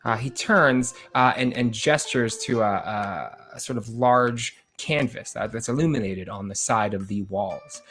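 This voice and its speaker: A man narrating a tabletop game as game master, in halting, measured phrases. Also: medium pitch, a bit bright.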